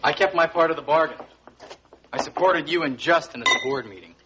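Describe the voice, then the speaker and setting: An actor playing a pushy, scheming grown son in a television soap drama, domineering and forceful. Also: male voice, on the high side, brisk, background noise, natural voice. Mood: demanding. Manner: forceful, domineering, shouting at times.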